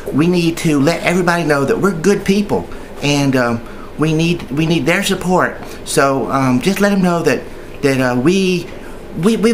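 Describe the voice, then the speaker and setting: A slightly high-voiced man, a union member, gives tips in a casual training video, sounding chatty and hesitant as he rambles and keeps repeating himself. A faint hiss or hum is present.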